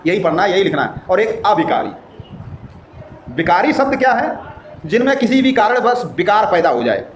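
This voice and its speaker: A man teaching a grammar lesson. He explains with everyday examples and asks questions as he goes. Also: sits high. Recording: echoey room with faint noise.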